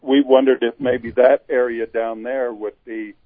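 Give me a county commissioner speaking as a guest over a remote call line that breaks up, in an unhurried, plain-spoken way. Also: male voice, medium pitch, little pitch movement, no room sound. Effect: heard over a remote call line that breaks up. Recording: tinny, dry call-line sound.

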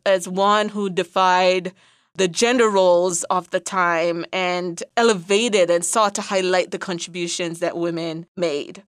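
A woman's voice: mid-range voice, clear, resonant tone, no echo, clean studio sound. A woman with a Jamaican accent giving a conversational educational lecture, explaining things and checking in with the listener as she goes. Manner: explanatory, checks in with "right?" and "you know".

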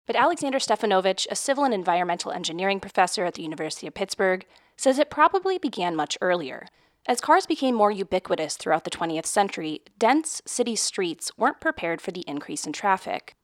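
A woman's voice: medium pitch, very animated, fast talker, no room sound, clean studio sound. A woman radio host reading scripted explanatory narration for a public radio podcast.

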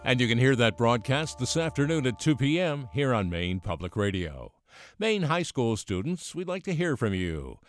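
A man reading scripted station announcements in a loud, dense radio announcer voice. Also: medium pitch, big pitch swings, moderate pace, no echo, soft background music.

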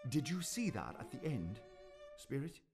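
Old Scrooge, grumbling. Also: male voice, mid-range voice, sing-song, normal speed, darkish tone, faint music behind. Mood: pleading. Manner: grumbling asides. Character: miserly old man Scrooge, gruff, softening. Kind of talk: radio play acting.

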